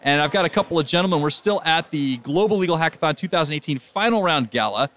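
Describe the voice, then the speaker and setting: A man hosting a podcast, doing an upbeat on-location interview with quick questions at an outdoor event. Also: on the high side, lively intonation, fairly bright tone, slight background noise. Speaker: podcast host.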